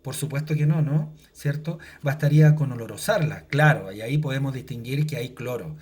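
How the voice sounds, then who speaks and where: Mellow-voiced male teacher. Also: mid-range voice, moderate pace, breathy edge. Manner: explains step by step, tags sentences with "¿cierto?". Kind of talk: recorded classroom lesson.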